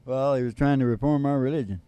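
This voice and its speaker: An older man hosts a radio show, also singing and playing guitar, and talks quickly in a warm, medium-pitched voice. He tells comic stories and banters in a rambling, folksy, irreverent style.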